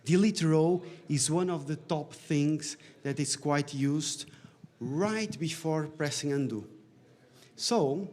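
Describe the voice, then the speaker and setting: A man speaking at a conference, giving a technical presentation on software. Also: fairly high pitch, slow pace.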